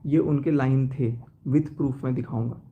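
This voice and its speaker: A man's voice: mid-range voice, steady tone, measured pace, breathy edge, narrow, tinny audio. A man on a phone live stream, reading out chat messages and telling his side with a sense of grievance. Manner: aggrieved, reads out chat messages. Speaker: YouTuber showing chats on a live stream.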